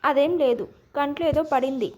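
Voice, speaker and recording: A proud, wounded young wife in an audio storybook, curt and sharp in her replies. A woman reads her with a high voice. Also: normal speed, natural voice. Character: young adult woman, hurt, proud and quick-tempered wife.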